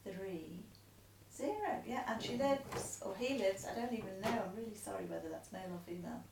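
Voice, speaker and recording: At home, a woman acting as a carer reads a letter aloud for a casual home video, coaxing and encouraging with patience. Her medium-pitched voice is animated, brisk, and gravelly, and she's off-mic in an echoey room with background noise.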